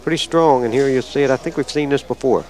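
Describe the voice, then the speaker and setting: A man's voice: mid-range voice, fast talker, darkish tone. A chatty man does color commentary for a bowling match. He works through the scores aloud as he talks.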